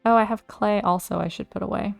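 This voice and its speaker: Let's play host, woman, mid pitch, casual and chatty, easily excited. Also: brisk, vocal fry, faint music behind. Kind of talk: casual gameplay commentary.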